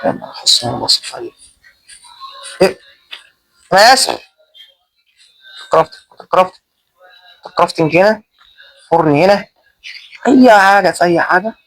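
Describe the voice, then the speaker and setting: Speaking at a moderate pace in a high, animated, gravelly voice with a fairly bright tone, this young gaming host pauses often as he plays Minecraft. He has an Egyptian Arabic accent, keeps the chat casual and self-mocking, and yelps in panic when attacked. The audio is poor, with no echo and soft music underneath.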